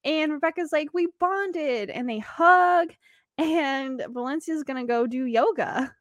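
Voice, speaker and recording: A woman's voice: high voice, unhurried, no echo, muffled recording. A woman co-hosting a casual podcast, animatedly retelling TV scenes and laughing often. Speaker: podcast co-host. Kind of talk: casual TV recap chat.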